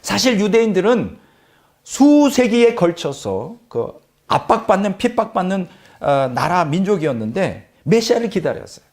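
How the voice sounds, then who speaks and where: A middle-aged man preaching an expository sermon, acting out scenes with sharp swings in his voice. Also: normal speed. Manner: animated, acts out scenes with sharp pitch swings. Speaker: pastor.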